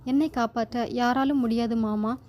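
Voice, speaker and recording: A young widowed mother, frightened and close to giving up, pleading in anguish, voiced by a woman telling a story. Her voice is mellow and a little high. She is heard as part of a storybook reading. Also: steady tone, normal speed, highs cut off, close to an everyday voice. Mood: despairing. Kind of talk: storybook narration.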